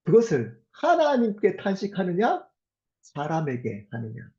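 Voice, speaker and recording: A male pastor preaching a sermon, earnest and emphatic, slowing down on key phrases and asking the congregation rhetorical questions. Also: sits high, wildly swooping pitch, darkish tone. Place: church sanctuary. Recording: dull lo-fi sermon recording.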